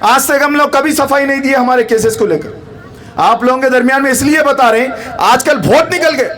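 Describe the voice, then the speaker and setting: A man with a Hyderabadi accent giving a fervent, repetitive campaign rally speech, often shouting. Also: very high voice, fairly quick. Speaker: political campaign speaker.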